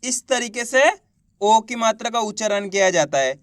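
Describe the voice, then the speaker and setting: A man teaching children to read Hindi, sounding out each syllable slowly and then stretching the whole word, and often asking whether it is clear. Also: sits high, animated, dry recording, clean studio sound. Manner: addresses viewers as friends and asks if it is clear. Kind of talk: slow syllable-by-syllable reading lesson.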